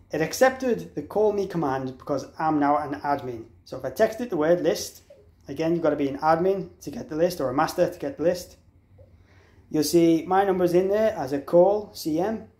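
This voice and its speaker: A man with a fairly high, darkish voice gives a casual, unscripted product tutorial, walking through it step by step and spelling out letters and digits. The recording sounds echoey and roomy.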